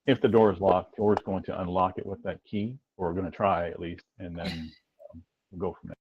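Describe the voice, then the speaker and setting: Dull lo-fi audio with slight background noise captures a man in a tabletop game session on stream. He speaks a little fast in a deep, steady voice, though hesitantly, using formal wording packed with fillers.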